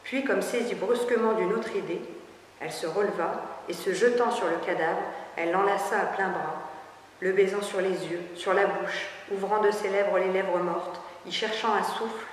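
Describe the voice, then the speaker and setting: A woman giving a measured literary reading aloud in a library reading room, recorded from far off with faint hiss. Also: medium pitch, steady tone. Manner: measured storytelling delivery. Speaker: public reader. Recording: echoey hall, far from the mic, faint hiss.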